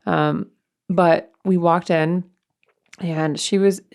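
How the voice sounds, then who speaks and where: A woman co-host talks in a loose, rambling way, full of fillers and side-tracks. Her voice sits a little low for a woman and has a steady gravelly fry running through it. It is an easy, unscripted chat. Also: slow pace. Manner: rambling, chatty, many fillers. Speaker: podcast co-host, mother. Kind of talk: casual chat.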